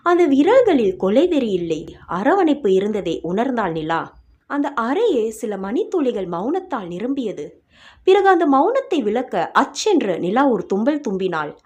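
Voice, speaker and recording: A woman narrating an audio story in an expressive, dramatic reading style. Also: on the high side.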